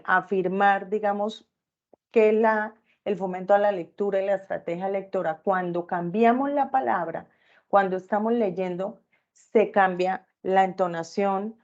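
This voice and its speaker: A woman's voice: medium pitch, a little mellow, dull audio. Teacher checking in with her class. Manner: checks in with listeners often with tag questions.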